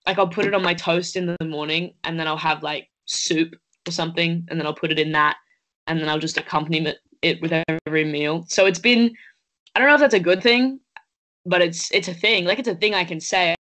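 Earnest teenage actress on a video call. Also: female voice, fairly low pitch, steady tone, brisk, a bit bright, low-quality recording. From Australia. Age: late teens. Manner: earnest, thoughtful, chatty with many fillers. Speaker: actress, interview guest. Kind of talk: casual interview over video call. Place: indoors at home. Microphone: laptop webcam on a video call.

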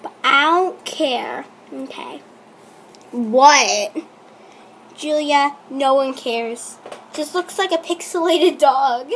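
A young woman reacting to a texting game she reads aloud, with excitable, teasing and exasperated commentary. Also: sits high, slow, slight background noise. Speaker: YouTuber playing a chat-story app.

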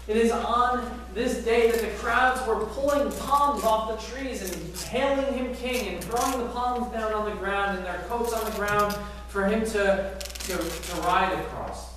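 A middle-aged man preaching a sermon as pastor, animated, asking the congregation rhetorical questions. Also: high-pitched, unhurried, background noise. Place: large church sanctuary, indoors. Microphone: far camera at back of church. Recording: very echoey sanctuary from far off.

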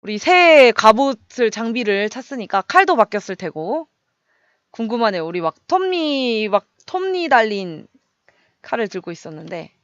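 A young woman casually commenting on her gameplay, chatty and excitable, making little sound effects as she fights. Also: mid-range voice, moderate pace, dry recording, muffled recording. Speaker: game streamer.

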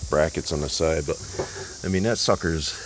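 Deep-voiced sarcastic middle-aged man. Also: moderate pace, background noise. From Connecticut, US. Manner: sarcastic, joking, scattered. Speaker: YouTube vlogger and truck tinkerer. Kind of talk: casual rambling vlog. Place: outdoor gravel yard. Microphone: handheld phone camera, speaker off-screen.

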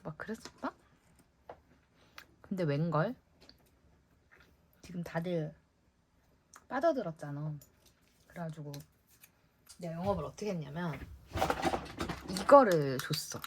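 A woman's voice: on the low side, animated, unhurried, pauses often, a little hiss or hum. A young woman chatting casually while decorating a diary, musing aloud and sometimes whispering to herself. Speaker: vlogger.

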